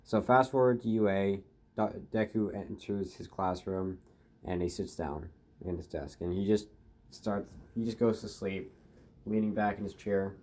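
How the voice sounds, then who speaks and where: A man's voice: on the low side, measured pace, darkish tone. A man improvising a fan story, rambling with many fillers and restarts.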